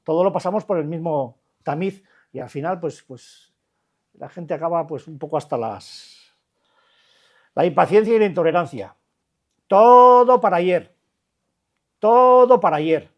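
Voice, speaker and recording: A man's voice: on the high side, animated, normal speed, breathy edge, muffled recording. An older man with a Spanish accent from the Basque Country, giving a blunt, colloquial talk to a recovery group, full of restarts and rhetorical questions. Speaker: addiction recovery counselor.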